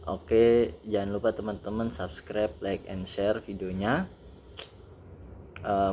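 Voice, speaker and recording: An air traffic controller who presents on YouTube, a man with a lowish voice and an Indonesian accent, gives an informal explainer lesson. He reads out definitions, mixes in English technical terms, and addresses viewers as friends. The recording is muffled, with slight background noise.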